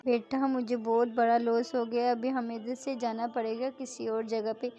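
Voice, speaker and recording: A woman voicing a worried middle-aged father who speaks quietly and wearily. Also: on the high side, flat delivery, moderate pace, lo-fi sound, lightly acted. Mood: weary.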